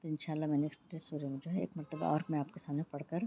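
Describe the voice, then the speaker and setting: A woman teaching Quran recitation rules, explaining patiently and then reciting each verse slowly and drawn out. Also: low voice, level tone, warm tone, a little hiss or hum.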